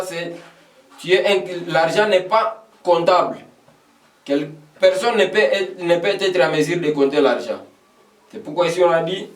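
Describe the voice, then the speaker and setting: A man's voice: high voice, distant mic. Man teaching English in an echoey room. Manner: patient, repeats phrases many times, checks understanding. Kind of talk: classroom lesson explaining English in French.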